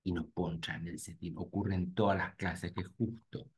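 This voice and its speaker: A man's voice: deep voice, flat delivery, moderate pace, a little mellow. A man teaching real estate agents in a live webinar, talking to his audience directly and thinking aloud as he clicks through screens. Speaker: real estate marketing instructor.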